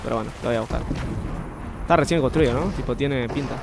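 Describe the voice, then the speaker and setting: A young man with an Argentine accent, chatting and swearing freely while streaming a game, now and then bursting into shouts. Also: medium pitch, quick pace, creaky, background noise. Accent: Argentine Spanish. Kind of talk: live game commentary.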